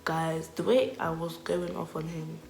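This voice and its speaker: A young woman telling a storytime vlog in a chatty, animated way, full of 'like'. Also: sits low, a little slow, creaky, soft background music. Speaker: vlogger. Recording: echoey room.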